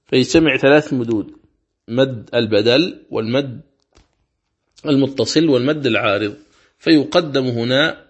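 In a religious lesson, a man with a husky mid-range voice teaches the rules of Quran recitation. He speaks slowly and deliberately, repeating key words.

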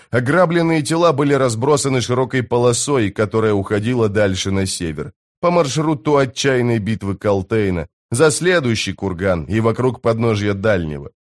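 A man narrating an audiobook at a mid pitch. He tells the story in a steady, even way. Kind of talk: scripted narration.

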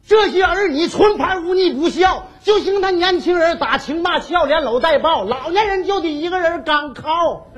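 A grumbling old Northeastern widower. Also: male voice, extremely high pitch, lively intonation, normal speed, hardly any pauses. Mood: indignant. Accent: Northeastern Chinese. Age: older. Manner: grumbling folksy banter, fake wailing. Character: shy stubborn old rural widower seeking a match. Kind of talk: stage comedy sketch. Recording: dull lo-fi archive TV recording.

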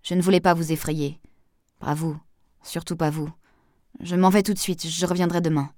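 A woman voicing a hoarse, stubborn male gardener in an audiobook. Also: fairly low pitch, steady tone, moderate pace, a little mellow, dry recording, clean studio sound, lightly acted. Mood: contrite. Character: gruff insistent male gardener, rough voice.

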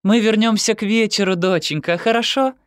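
A man doing a high coaxing young mother. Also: fairly quick, no room sound, studio quality, natural voice. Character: cheerful pushy young mother. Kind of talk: audiobook character voice.

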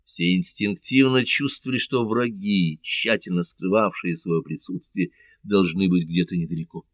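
A man narrating an adventure audiobook in a measured, dramatic reading. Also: low-pitched, no echo.

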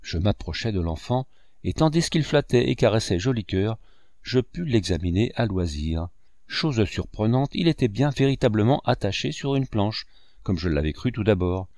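A man narrating a classic novel in a measured storytelling manner. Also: on the low side, very animated, a little mellow, no echo, studio quality. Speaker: audiobook narrator.

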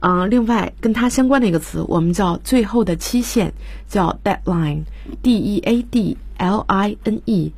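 A woman's voice: medium pitch, unhurried, darkish tone, husky, no room sound. A woman teaching English words on a radio lesson, explaining each word and spelling it out letter by letter. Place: radio studio.

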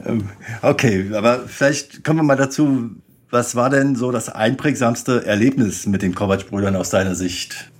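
A man's voice: medium pitch, normal speed. A man in his forties hosting a podcast, reading a formal introduction with a wry touch, then interviewing a guest. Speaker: podcast host.

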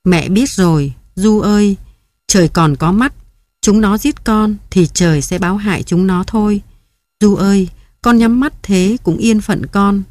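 A woman's voice: mid-range voice, a little slow, a little mellow, dry recording, lightly acted. A woman voicing an old mother grieving at her son's grave, calling to him in a tearful, pleading lament.

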